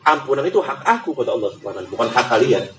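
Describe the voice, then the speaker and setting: A man's voice: medium pitch, racing, a little hiss or hum, low-quality recording. A man giving a casual religious study lesson, joking and acting out dialogue. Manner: lively, joking, acts out dialogue. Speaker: preacher. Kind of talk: casual Islamic study sermon.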